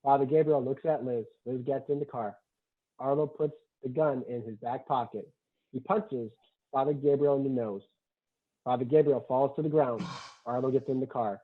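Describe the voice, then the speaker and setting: Over thin, phone-like call audio, a man with a mid-range voice reads stage directions from a screenplay at a normal speed. It's a table read, and he keeps his sentences short, clipped and plain.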